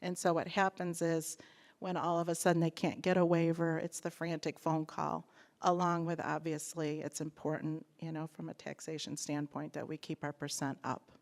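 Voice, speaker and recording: A woman's voice: sits low, little pitch movement, normal speed, darkish tone. A woman presenting a report on school meals to a school board and taking questions, in a conversational tone. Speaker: school food service director.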